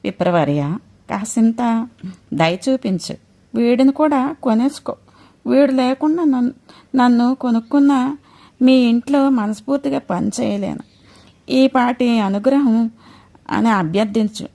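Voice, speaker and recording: A woman's voice: lowish voice, moderate pace, pauses often, darkish tone, natural voice. A woman voicing a grieving young queen who pleads tearfully after being sold as a servant, in a told myth. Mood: pleading.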